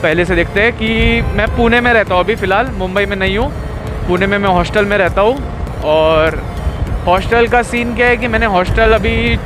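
High-voiced young man. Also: moderate pace, over music. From India. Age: young adult. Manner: rambling, easygoing, mixes in English words. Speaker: motovlogger. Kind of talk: casual chat while riding. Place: on a motorbike on a highway outdoors.

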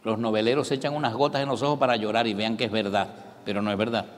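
A man with a Venezuelan Spanish accent, preaching a live sermon with dramatic swings from shouting to whispering. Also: lowish voice, fairly even intonation, racing. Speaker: pastor. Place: large church hall. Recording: long reverb of a large church hall.

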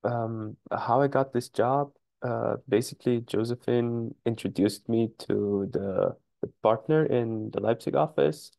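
A student in his twenties from Romania introducing himself on a video call through a headset, relaxed with a few hesitations. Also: medium pitch, unhurried, creaky, few pauses, no room sound. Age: 20s. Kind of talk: casual self-introduction.

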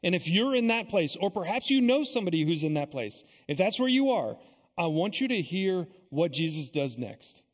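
A pastor preaching a sermon in a church, earnest and deliberate, pausing often and repeating his phrases for weight. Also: high voice, big pitch swings, husky. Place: church sanctuary. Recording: long echo of a church sanctuary.

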